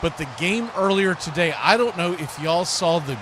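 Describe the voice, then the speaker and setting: With an animated, high-pitched voice at normal speed, a man hosts a live sports broadcast, doing play-by-play and chatting informally with viewers. The stream is clearly noisy, with ambient sound behind him.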